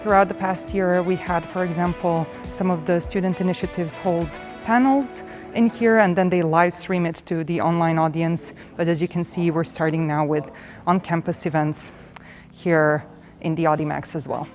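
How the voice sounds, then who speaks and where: A Serbian woman in her 20s, whose first language is Serbian, leads a university campus tour as a student guide, upbeat and welcoming, both outdoors and in large halls. Her voice is fairly low and darkish, with fairly even intonation and a moderate pace. Faint music plays behind her.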